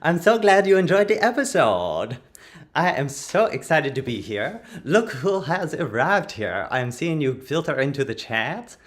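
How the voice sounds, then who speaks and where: A man's voice: on the high side, sing-song, unhurried. A man hosting a livestream in a campy, dramatic way, calling his audience darlings and stretching out his flourishes. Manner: playfully commanding, addresses the audience as darlings. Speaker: livestream host. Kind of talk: theatrical livestream chat.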